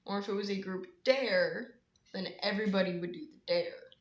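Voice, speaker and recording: A teenage girl co-hosting a casual chat, talkative and teasing with deadpan asides. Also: medium pitch, normal speed, reverberant, muffled recording, a little hiss or hum. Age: teens. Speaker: podcast co-host.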